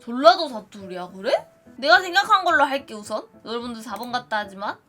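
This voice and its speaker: Streamer type: high, animated woman with a Gyeongsang accent, chatty guesser doing a dialect quiz. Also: a little fast, soft background music. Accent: Gyeongsang Korean. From Gyeongsang region. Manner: thinks aloud, guesses playfully. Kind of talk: casual quiz commentary.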